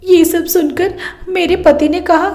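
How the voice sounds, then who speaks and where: A woman's voice: animated, normal speed. A woman voicing a spoiled young married daughter who pleads to her mother in a storybook tale. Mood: tearful. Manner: high, pleading.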